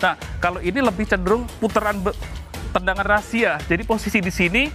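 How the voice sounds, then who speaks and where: A man working as a taekwondo instructor, explaining kicks patiently and often pausing to find his words. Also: sits high, steady tone. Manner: patient, instructive, frequent hesitations. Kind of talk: demonstrating and explaining. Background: background music.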